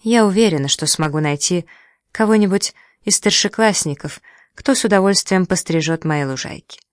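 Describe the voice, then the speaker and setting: An audiobook reader voicing a proud, sharp-tongued young woman who speaks with sarcasm and indignation. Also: fairly low pitch, normal speed, dry recording, clean studio sound, lightly acted. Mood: furious. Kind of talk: audiobook dialogue.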